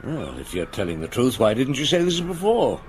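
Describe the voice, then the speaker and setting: An actor playing a patient middle-aged chief inspector in a radio drama, questioning deliberately and kindly. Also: male voice, mid-range voice, sing-song, slight background noise, natural voice. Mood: gently probing. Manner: questioning, deliberate, gently coaxing. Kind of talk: naturalistic radio drama acting.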